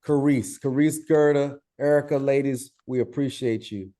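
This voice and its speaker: A man's voice: medium pitch, steady tone, moderate pace, warm tone. A man hosting a casual chat over a video call, upbeat and encouraging his guests. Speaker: host.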